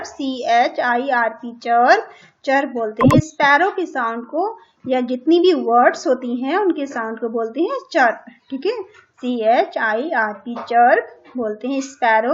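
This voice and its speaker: A woman's voice: sits high, dull audio, a little hiss or hum. A woman teaching a young class online, who repeats each word, spells it letter by letter and keeps asking the class questions. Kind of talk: online class lesson in Hindi and English.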